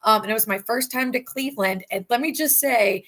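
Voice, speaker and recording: Woman host, kinda hoarse, friendly chatty talk on a video call. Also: on the high side, brisk. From Richmond, Virginia. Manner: calm, leads breathing exercise softly. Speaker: podcast host, therapist. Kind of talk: casual interview chat.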